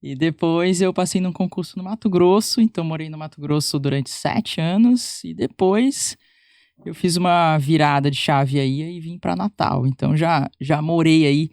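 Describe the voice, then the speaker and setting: A woman with a deep, darkish voice speaks at normal speed as a podcast guest, a physiotherapist chatting casually with plenty of fillers, restarts, and self-corrections. Born in Minas Gerais and raised in Paraná, Brazil, she has a Paraná Brazilian Portuguese accent. The studio-quality recording has no echo.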